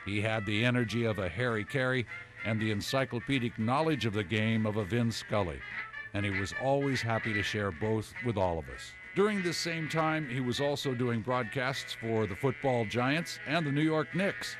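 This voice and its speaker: A man, a television news reporter, narrating a sports history feature with lively, vivid storytelling. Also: mid-range voice, normal speed, music in the background.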